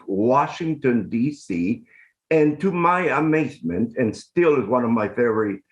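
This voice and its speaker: Slow, effusive middle-aged man hosting. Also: mid-range voice. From Honduras. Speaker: host, arts commissioner. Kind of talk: scripted-sounding interview hosting. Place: home room full of art and books. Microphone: video call webcam.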